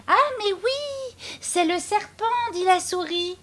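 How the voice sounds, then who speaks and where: In a children's storybook reading, a woman plays a tiny boastful mouse who squeaks high and swings her voice all over the place. She sounds bright and teasing, and she draws out her words slowly to show off. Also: animated, heavily acted. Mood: cheeky. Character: small clever boastful mouse.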